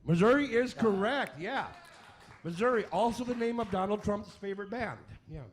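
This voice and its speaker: A man with a high-pitched, expressive voice hosts a comedy radio quiz at normal speed, reading questions in an irreverent way peppered with wisecracks. There's slight background noise.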